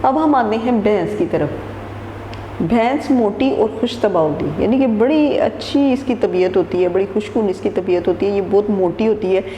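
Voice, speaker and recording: This woman, an Urdu teacher, reads a textbook passage aloud expressively at a normal speed, her medium-pitched voice mellow, and goes back over each sentence in simpler terms. Long reverb and faint noise fill the echoey room.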